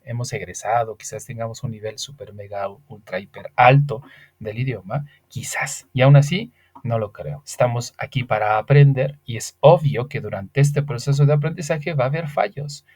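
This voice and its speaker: A man's voice: mid-range voice, a little mellow. A man whose first language is Spanish, teaching an English grammar lesson. He explains patiently, step by step, and asks rhetorical questions.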